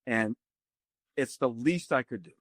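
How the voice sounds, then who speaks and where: Appearing as a guest on a podcast, a man with a Boston accent who teaches tai chi talks earnestly and takes his time laying out details. His voice is mid-range, with no room sound.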